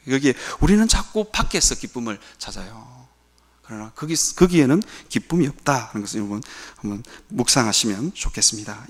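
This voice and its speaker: A man preaching a sermon as a pastor, asking rhetorical questions and answering them himself. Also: medium pitch. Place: church sanctuary.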